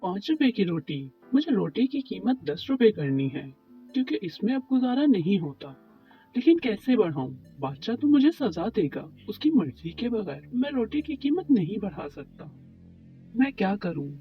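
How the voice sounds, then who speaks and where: A man plays a poor, worried, humble bread baker in an Urdu moral cartoon story, sounding pleading and deferential and talking to himself. His voice sits high and sing-song at a moderate pace. The track is muffled and lo-fi, with music behind it.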